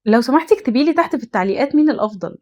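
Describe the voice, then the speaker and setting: A woman's voice: high voice, lively intonation, very fast, darkish tone, lo-fi sound. A young adult woman with an Egyptian accent, hosting an advice talk and speaking earnestly and emphatically, straight to the listener. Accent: Egyptian Arabic. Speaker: host. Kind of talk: direct-to-camera advice talk.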